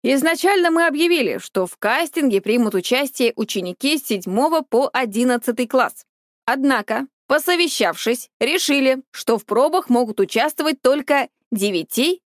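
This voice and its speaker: A strict middle-aged deputy head of a school addresses students in a formal announcing tone, her voice set high with a lively lift, as a woman narrator puts her on. The sound is dry and close. It suits a storybook reading. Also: normal speed, no echo. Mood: official.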